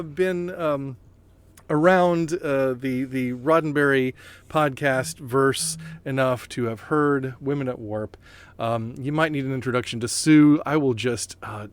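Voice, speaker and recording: A man hosting a podcast in a casual chatty way, full of fillers, restarts and playful asides. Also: medium pitch. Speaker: podcast host.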